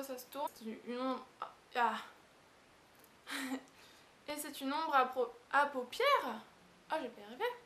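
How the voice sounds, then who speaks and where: High-voiced chatty woman beauty vlogger. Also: fairly bright tone. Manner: chatty, rambling, hesitant. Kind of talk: casual product review. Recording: echoey room with hiss.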